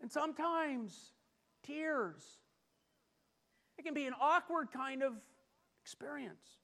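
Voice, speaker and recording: A middle-aged man preaching a sermon, animated and self-deprecating as he tells personal stories. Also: very high-pitched, takes it slowly. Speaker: pastor.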